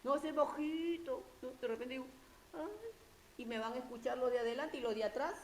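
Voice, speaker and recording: A woman teacher lectures in a fairly high voice, explaining step by step and often tagging her points with a rhetorical question. The sound is echoey, with a faint hiss behind it. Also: quick pace, a little mellow. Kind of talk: university-level lecture.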